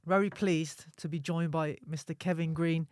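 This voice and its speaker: A man's voice: fairly high pitch, fairly even intonation, normal speed, a little mellow, no room sound, clean studio sound. A man hosting a podcast, interviewing a guest in a casual, chatty style. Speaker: podcast host.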